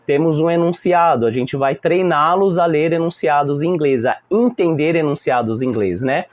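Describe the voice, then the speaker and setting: A man's voice: a little high, moderate pace. A man with a Brazilian Portuguese accent, a teacher explaining a lesson plan to other teachers and acting out how the class talks back. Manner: animated, acting out classroom exchanges. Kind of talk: instructional talk to fellow teachers.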